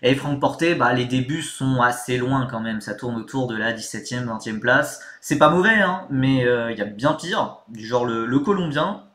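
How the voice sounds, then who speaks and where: A man's voice: mid-range voice, animated, normal speed, few pauses, fairly bright tone, echoey room. A man chatting casually on a live stream, rambling with lots of fillers and thanking viewers mid-sentence. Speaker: motorsport streamer.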